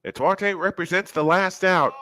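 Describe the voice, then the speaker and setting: A man calling live baseball play-by-play at a high school ballpark in a chatty, jokey, old-school style. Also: moderate pace, sharp tone. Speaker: play-by-play announcer.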